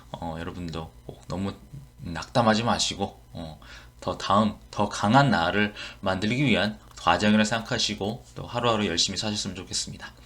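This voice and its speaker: A man's voice: on the low side, fairly bright tone. A man hosting an English listening lesson, who repeats English phrases word by word and explains them in a casual teaching manner with frequent fillers.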